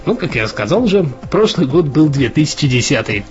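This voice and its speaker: A man co-hosting a casual news podcast talks in a fairly high, sing-song voice at a slightly quick pace, chatty and full of fillers and restarts. The audio is dull and lo-fi, with faint music underneath.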